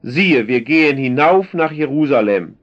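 A man voicing a calm, authoritative male teacher in a solemn, measured scripture reading. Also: mid-range voice, lightly acted. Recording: dull lo-fi recording.

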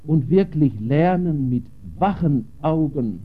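A man preaching a Bible study sermon in German, slow and emphatic, with wide swings in pitch. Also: lively intonation. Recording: dull lo-fi recording.

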